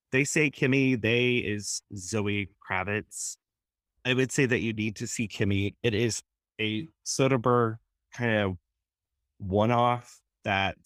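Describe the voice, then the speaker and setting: A man's voice: fairly low pitch, no echo, studio quality. A man co-hosting a film podcast, giving opinionated takes with wry asides. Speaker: film critic podcast host. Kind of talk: casual film discussion.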